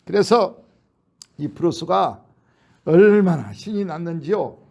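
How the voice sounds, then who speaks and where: High, gravelly-voiced pastor, animated. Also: male voice, slow pace. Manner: animated storytelling, acting out quoted voices. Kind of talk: sermon, retelling a film. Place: church.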